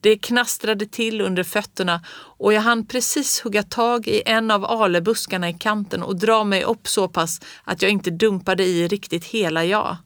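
A woman reading a children's story aloud in the first person with calm, measured storytelling. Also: mid-range voice, no room sound. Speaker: audiobook reader.

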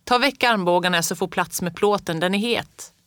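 A brisk old grandmother, firm and a little sharp but kind underneath, voiced by a woman reader. The voice is on the low side and sounds dry and close. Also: no room sound, natural voice. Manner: brisk, scolding.

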